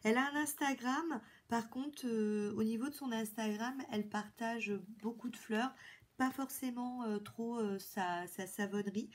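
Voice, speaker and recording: A woman's voice: a little high, a little slow. Chatty French woman showing a haul. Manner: chatty, enthusiastic, many fillers and restarts. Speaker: beauty vlogger. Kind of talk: casual haul video.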